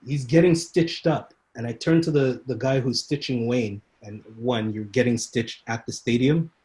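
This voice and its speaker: A man guesting on a podcast, telling stories from a martial arts career. His voice sits in a middle register and his delivery is lively. He often acts out the people in his stories as he goes. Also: medium pitch, normal speed. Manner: animated storyteller who acts out quoted people and laughs often. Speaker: Muay Thai instructor, podcast guest. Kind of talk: casual storytelling in a podcast interview.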